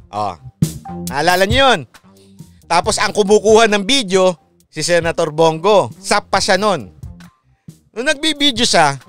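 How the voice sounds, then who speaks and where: A man chats through a casual live-stream commentary, his fairly high voice leaping around as he makes his case. The tone is smooth and clear, with soft music under it. He keeps repeating himself and asking his listeners if they follow. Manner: animated, repeats points, asks listeners "okay?". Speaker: online commentary host.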